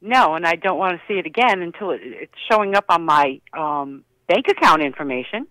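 A woman's voice: on the low side, animated, a little fast, pushed and bright, dry recording. A woman calling in, hesitant and confused. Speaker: caller. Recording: phone line.

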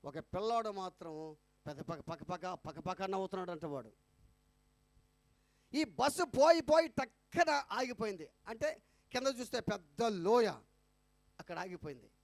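A man's voice: high voice, lively intonation, normal speed, pauses often, no echo. A male pastor, telling stories in a sermon and building up emphatic repeated phrases. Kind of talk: storytelling sermon at a gospel meeting.

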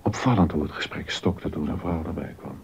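A male actor with a husky, bass voice plays a troubled, disappointed court composer and husband in a scripted historical radio drama. His delivery is a little fast, a little mellow and exaggerated, with a pensive mood.

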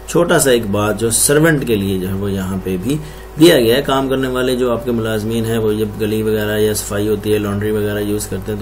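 Listing the rooms one after another, a Pakistani man presents house floor plans in a screen-recorded walkthrough, explaining them as an architect would. He has a lowish, slightly mellow voice, and there is a little hiss or hum.

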